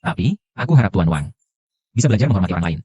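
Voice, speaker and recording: A man dubbing a composed, powerful young male executive who speaks calmly and condescendingly. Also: sits low, rapid-fire, husky, dry recording, full character voice. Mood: cool. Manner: calm, cool, condescending. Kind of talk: dubbed drama.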